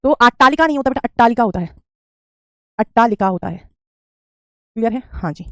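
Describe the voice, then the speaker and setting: Woman, 30s, online Hindi teacher; repetitive, patient drilling; slightly high voice, dry sound. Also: lively intonation, brisk, darkish tone, dry recording. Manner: repetitive drilling, calls students beta. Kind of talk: online class teaching spelling.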